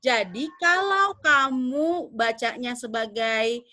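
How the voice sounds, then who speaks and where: A young woman leads a pronunciation lesson, her voice sitting a little high. She repeats each word slowly and keeps asking whether her students follow. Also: animated, sharp tone. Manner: drills words, repeats them slowly, checks understanding. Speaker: English teacher.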